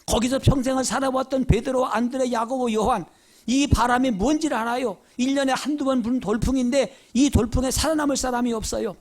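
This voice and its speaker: A man's voice: extremely high pitch, a little fast. A man preaching a sermon as pastor, telling stories with many rhetorical questions. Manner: animated storytelling, rhetorical questions.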